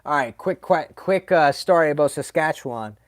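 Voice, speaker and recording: A man hosting a casual livestream and answering chat, talking in a chatty, animated way with slangy asides and plenty of fillers. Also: fairly high pitch, moderate pace, no echo, studio quality.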